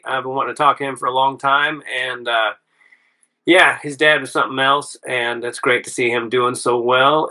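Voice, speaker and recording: The recording is low quality, carrying a middle-aged man's mid-range voice that sounds pushed and bright. He hosts a casual interview podcast, friendly and rambling, leaning on lots of fillers like "uh" and "man."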